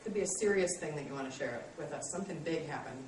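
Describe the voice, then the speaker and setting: A woman's voice: low-pitched, expressive, fast, a little mellow, slight background noise. A woman in her late thirties teaching a class, friendly and self-deprecating, with many ums. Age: 30s. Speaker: college instructor. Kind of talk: classroom lecture. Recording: echoey classroom from far off.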